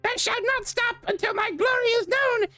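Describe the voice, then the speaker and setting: Shrieking-high mad evil wizard. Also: female voice, moderate pace, bright, forceful tone, faint music behind, full character voice. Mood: grandiose menace. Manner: theatrical mad-scientist ranting, grandiose. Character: raging megalomaniac evil wizard, cackling mad villain. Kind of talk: hammed-up comedic villain monologue.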